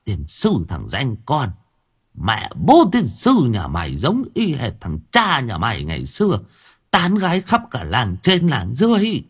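A man's voice: medium pitch, wildly swooping pitch, unhurried, slightly rough, heavily acted. A man doing a cursing old exorcist woman. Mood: scolding. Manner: scolding, cursing. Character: fierce old village exorcist woman, foul-mouthed.

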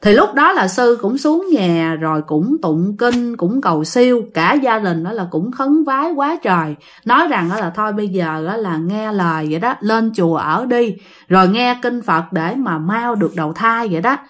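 A woman's voice: mid-range voice, lively intonation, moderate pace. Chatty woman storyteller. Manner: chatty, addresses listeners directly. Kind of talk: casual spoken ghost story told to listeners.

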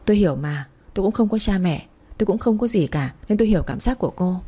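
A woman reading the part of a kind young man who coaxes and pleads gently, in an audiobook. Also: medium pitch, animated, fast talker, husky. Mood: gentle. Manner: coaxing, pleading.

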